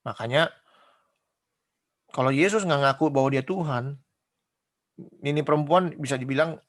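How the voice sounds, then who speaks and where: A man's voice: fairly high pitch, normal speed. A man giving a casual sermon in speech, chatty and conversational, full of rhetorical questions and acted-out quotes. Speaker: preacher.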